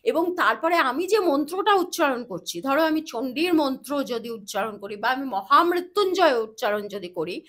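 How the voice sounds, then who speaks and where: High-voiced woman telling a dramatic story. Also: animated, a bit bright. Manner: dramatic storyteller, chants mantras slowly. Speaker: astrologer guest. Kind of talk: storytelling in a podcast interview.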